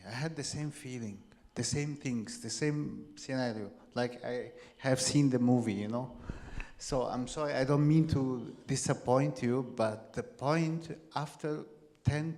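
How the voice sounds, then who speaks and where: A man's voice: medium pitch, a little mellow, big-room sound. A middle-aged man from Syria, a journalist on a panel, speaking insistently and repeating phrases for emphasis. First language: Arabic. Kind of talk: panel discussion. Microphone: handheld microphone.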